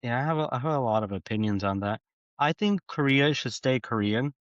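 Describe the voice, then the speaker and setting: An American man, a podcast guest, chats casually and with strong opinions, frequently tagging his points with "right?". His mid-range voice is animated and brisk. There's no echo, but the highs are cut off.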